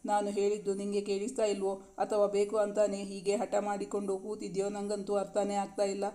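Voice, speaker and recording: ಒಬ್ಬ ಮಹಿಳೆ, ಗಂಡನನ್ನು ಹಠದಿಂದ ಬೇಡಿಕೊಳ್ಳುವ ಯುವ ಹೆಂಡತಿಯ ಪಾತ್ರವನ್ನು ಕಥೆಯಲ್ಲಿ ಓದುತ್ತಿದ್ದಾಳೆ. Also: female voice, medium pitch, monotone, brisk, dark tone, natural voice. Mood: pleading. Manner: pleading, insistent. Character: stubborn young wife pleading with her husband.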